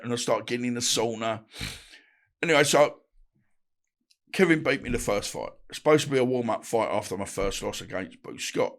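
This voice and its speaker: A middle-aged man, a guest telling stories from his boxing days in a halting, rambling way, full of restarts. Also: fairly low pitch. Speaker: guest, ex-boxer. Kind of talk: casual interview chat.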